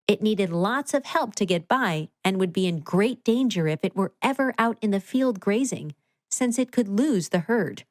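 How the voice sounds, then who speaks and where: A woman narrating a scripted children's story in an expressive read-aloud manner. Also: mid-range voice, moderate pace, dry recording, studio quality.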